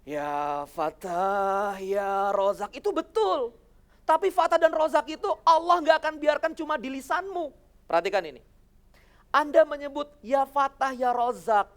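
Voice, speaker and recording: A high-pitched religious speaker gives an animated motivational talk on television. The delivery keeps firing rhetorical questions at the audience, who are addressed as friends. Quoted voices are acted out along the way.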